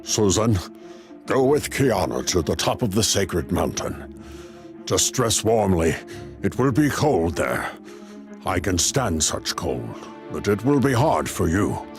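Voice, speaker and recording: An actor playing a calm, wise male mage in a game cutscene, explaining things in a measured way. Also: low-pitched, music in the background, heavily acted.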